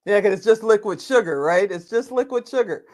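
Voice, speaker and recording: A woman's voice: mid-range voice, a little fast, a little mellow. A woman hosting an interview, asking questions and affirming her guest's points. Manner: inquisitive, affirming. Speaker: interview host. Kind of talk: interview conversation.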